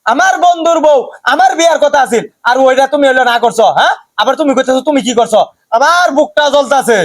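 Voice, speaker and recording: A man acting in a rustic comedy skit, talking loudly and arguing in a village style. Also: very high-pitched, fast, no room sound. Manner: loud, rustic, argumentative. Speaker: comic sketch actor. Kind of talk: rural comedy skit dialogue.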